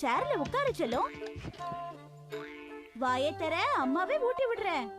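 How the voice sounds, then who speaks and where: A cooing doting cartoon mom. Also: female voice, very high voice, sing-song, slow pace, exaggerated voice. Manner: cooing, sugary. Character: doting mother, sweetly coaxing. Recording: loud cartoon music underneath.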